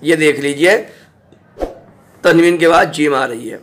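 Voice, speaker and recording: A man teaching Quran recitation, spelling out each word slowly and repeating it, often checking that the listener understands. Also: a little high, background noise. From South Asia. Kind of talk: slow spelled-out recitation lesson.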